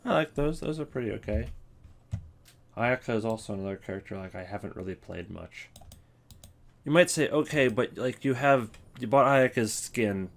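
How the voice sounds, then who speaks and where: A medium-pitched man with vocal fry speaks expressively at a normal rate. He's a video creator ranking game voice lines, giving rambling, offhand commentary that's hesitant and often self-interrupted.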